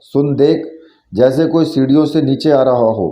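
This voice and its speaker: A man's voice: mid-range voice, normal speed, mellow, natural voice. A man voicing a jumpy, scared young man. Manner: nervous, stammering. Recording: roomy, dull lo-fi recording.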